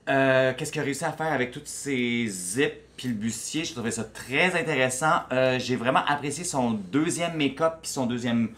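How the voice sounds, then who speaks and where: A man's voice: medium pitch, a little fast, hardly any pauses, a bit bright. A native French-speaking man with a Quebec accent, chatting casually and slangily, slipping between French and English. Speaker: drag show review co-host. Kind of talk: casual bilingual chat.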